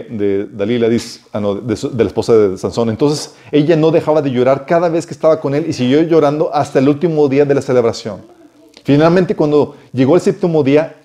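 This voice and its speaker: Male Bible teacher, warm mellow tone, chatty and animated, leans on rhetorical questions. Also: on the high side. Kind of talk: conversational Bible study teaching.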